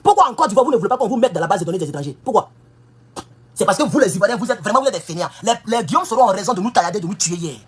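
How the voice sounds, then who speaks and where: A woman's voice: medium pitch, very animated, rapid-fire. A woman giving an impassioned political monologue, emphatic and scolding, firing off rhetorical questions. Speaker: political commentator. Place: United States.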